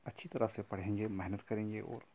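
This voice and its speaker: A man's voice: lowish voice, steady tone, mellow, husky. A man teaching a recorded lesson to young schoolchildren, patiently explaining word meanings and repeating key points. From Kashmir. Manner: patient, explains words slowly and repeats them for children.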